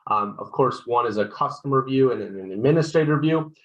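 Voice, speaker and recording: Man walking through a software demo. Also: medium pitch, lively intonation, brisk, muffled recording. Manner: explanatory, keeps checking in with "right?", frequent fillers and restarts. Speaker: solution consultant presenting a software demo. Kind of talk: webinar product walkthrough.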